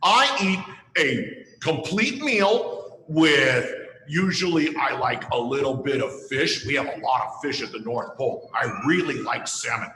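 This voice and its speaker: An actor playing a jolly, playful Santa Claus who reads a holiday story slowly and theatrically and chats with children. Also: male voice, mid-range voice, lively intonation, pushed and bright, big-room sound, poor audio. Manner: slow, theatrical reading with playful chuckles. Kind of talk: holiday story reading and kids' Q&A.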